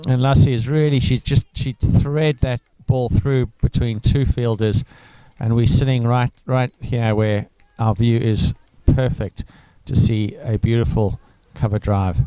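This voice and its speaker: A man's voice: medium pitch, fairly even intonation, measured pace, hardly any pauses, dark tone, clear, resonant tone, no room sound, poor audio. A man from Africa, giving chatty live cricket commentary full of enthusiastic asides. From South Africa.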